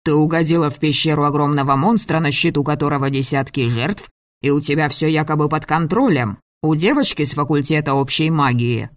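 A man's voice: on the high side, a little fast, no room sound, close to an everyday voice. Stern, furious male school director, clipped commands, a male reader near his own voice, dry close read. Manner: curt, commanding, shouting.

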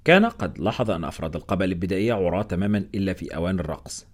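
A man narrating a story in a lively, expressive reading. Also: deep voice, very fast. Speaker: audiobook narrator. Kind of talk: scripted narration.

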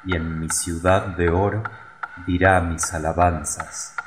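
A man voicing a calm, solemn God. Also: deep voice, a little slow, noisy background.

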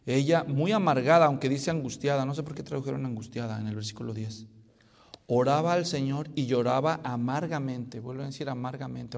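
Animated male preacher in a reverberant hall. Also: medium pitch. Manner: animated, jokes with the congregation. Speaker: pastor. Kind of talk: expository sermon. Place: church sanctuary.

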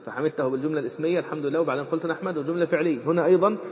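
A man's voice: a little high, fairly even intonation. A man teaching Islamic jurisprudence, reading from a text and explaining it, repeating phrases with many fillers. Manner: rapid, repeats and quotes phrases, frequent fillers. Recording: dull lecture recording with long reverb.

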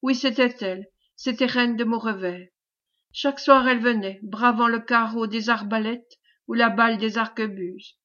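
Brief: woman voicing a humble, fervent peasant man recounting a tragedy, higher pitch, dull lo-fi recording. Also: fairly even intonation, moderate pace, bright, forceful tone.

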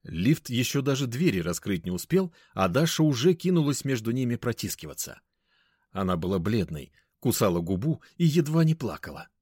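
A man reading a first-person story aloud in a wry, expressive way. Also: medium pitch, normal speed, slightly rough, dry recording, clean studio sound. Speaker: narrator. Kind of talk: first-person audiobook narration.

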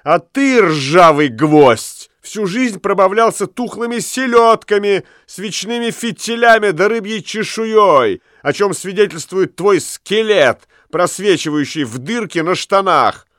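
A man's voice: high voice, expressive, a little slow, few pauses, a bit bright, dry recording, clean studio sound, pitched above the performer's own voice. A man doing an indignant stout companion. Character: stout, peaceable male companion, easily offended.

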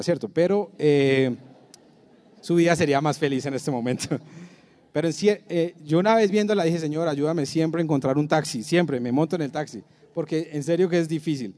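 Man, youth preacher, conversational sermon, rhetorical questions, higher voice, mellow tone, long hall reverb. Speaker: youth pastor.

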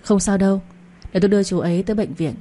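A woman voicing a kind, decisive young man in an audio story, speaking calmly and briskly. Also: medium pitch, close to an everyday voice.

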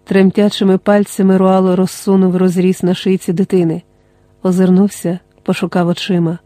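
An audiobook narrator reading a dramatic novel in a measured, dramatic way. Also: mid-range voice, level tone, dark tone, no echo.

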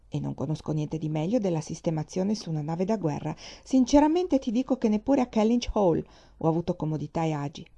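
A woman's voice: medium pitch, dark tone, lo-fi sound. A woman reading the part of a forthright middle-aged navy wife, speaking emphatically, as if lecturing. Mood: arguing.

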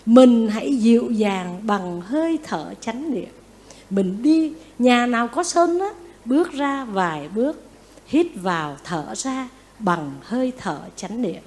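A Buddhist nun giving a lively dharma talk, often asking her listeners questions and acting out what people say. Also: fairly high pitch. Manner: lively, asks the audience questions, acts out quotes. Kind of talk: sermon.

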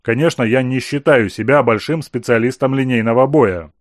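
A man's voice: medium pitch, normal speed, dry recording, clean studio sound, close to an everyday voice. A man voicing an earnest naval officer who reasons aloud about tactics. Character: earnest male naval officer, normally unflappable.

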